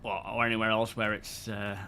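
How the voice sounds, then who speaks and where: A man's voice: lowish voice, flat delivery, a little fast, creaky, pushed and bright, slight background noise. Chatty man live-streaming a game. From United Kingdom. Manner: rambling, greets chat viewers by name. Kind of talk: casual chat while playing a game.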